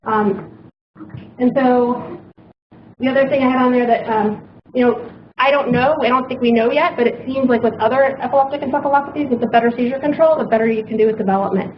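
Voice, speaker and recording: At a conference, a woman doctor shares clinical lessons in a fairly high, steady voice at a brisk pace. She sounds hesitant, often filling gaps with "um," and the hall recording is muffled and noisy.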